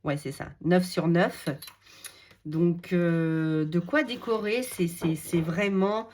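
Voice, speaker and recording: Femme française, enthousiaste et lente. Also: female voice, fairly low pitch, slow pace, darkish tone, a little hiss or hum. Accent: French. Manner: gushing, repeats words, many fillers. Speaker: crafting vlogger showing a haul. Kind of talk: casual unboxing chat.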